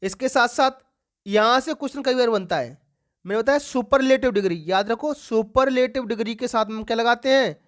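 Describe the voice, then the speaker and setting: A woman's voice: fairly high pitch, moderate pace. A woman teaching an exam-prep grammar lesson to students, asking questions and answering them herself and repeating key words for emphasis.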